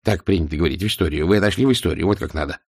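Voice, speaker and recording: A man's voice: low-pitched, racing, vocal fry, a little mellow, slightly rough, dry recording, studio quality, full character voice. A man voicing a sly, scruffy male city watchman who talks in a brash, mocking way in an audiobook. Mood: pedantic.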